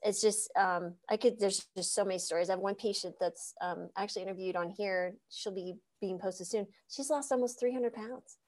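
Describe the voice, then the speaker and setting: A woman in her fifties hosting a casual interview, bubbly and quick to laugh. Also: mid-range voice, darkish tone. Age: 50s. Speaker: host.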